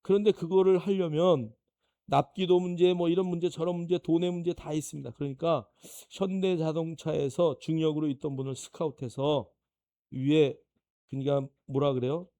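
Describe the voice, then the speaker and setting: A male pastor preaches in a lively storytelling way and acts out the voices of the people he describes. His voice sits a bit high for a man, yet it is warm and gravelly. The sound is dry and close. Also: normal speed, dry recording. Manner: animated storytelling, acting out quoted people, laughing. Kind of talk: anecdotal sermon lecture.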